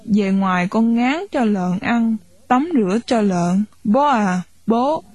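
Woman reading as a bratty little boy, whiny and quick, husky breathy voice, dry close sound. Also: mid-range voice, darkish tone, dry recording. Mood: petulant. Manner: whiny, quick petulant complaints. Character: spoiled rude little boy, northern-raised.

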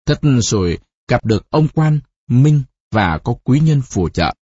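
A narrator voicing a calm village fortune teller who speaks in a slow, sing-song way. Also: medium pitch, slightly rough, no room sound, muffled recording.

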